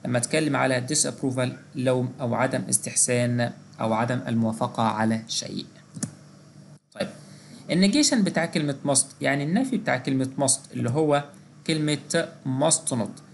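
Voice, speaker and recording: A man's voice: medium pitch, fairly quick, gravelly, a little hiss or hum. An English teacher with an Egyptian Arabic accent, explaining grammar step by step and asking and answering his own questions. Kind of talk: exam-prep grammar lesson.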